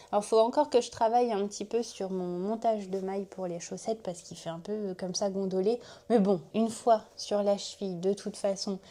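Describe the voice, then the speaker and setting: A woman with a mid-range, dark-toned voice hosts a knitting podcast, chatting casually to her viewers on camera and often laughing at herself.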